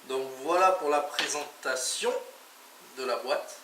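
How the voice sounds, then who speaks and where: His voice is medium in pitch, pushed and bright, and he takes it slowly. The man, a motorcycle vlogger, presents gear in a hands-on tutorial, casually talking through each step and tossing in little interjections, with an echoey, distant mic and obvious background noise.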